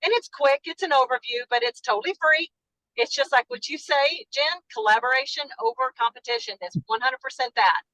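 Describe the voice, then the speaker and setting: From behind the wheel, a Dallas-accented notary phones into a casual video call, chatting enthusiastically and apologizing for the interruption. Her high voice comes out fairly quick, pushed, and bright, and the audio is dry and poor.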